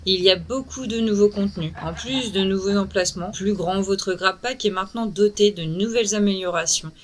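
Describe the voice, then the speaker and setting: A woman's voice: mid-range voice, a little fast. A middle-aged woman hosting and narrating a video game review. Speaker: video host. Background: music.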